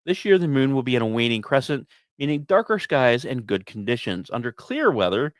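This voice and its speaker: Reading science news for his podcast, a man breaks off from the script for wry, self-deprecating jokes. He speaks fairly quickly and very animatedly, his mid-range voice swinging widely with theatrical emphasis, and there's no room sound at all.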